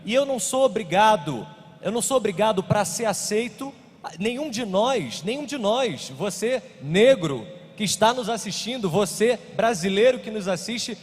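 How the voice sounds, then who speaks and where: Brazilian man, husky voice, earnest and insistent, repeats phrases, panel talk in a reverberant hall. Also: high voice, lively intonation, moderate pace. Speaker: panel speaker. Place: conference hall.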